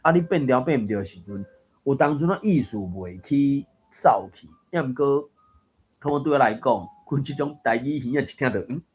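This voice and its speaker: A man's voice: medium pitch, lively intonation, moderate pace, a little hiss or hum. A man giving a casual lesson on reading aloud, thinking aloud with many fillers and restarts. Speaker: Taiwanese reading coach.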